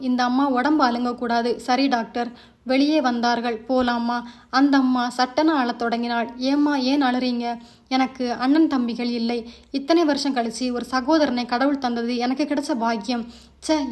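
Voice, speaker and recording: A woman narrating a family short story and reading every character's lines in her own voice. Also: a little high.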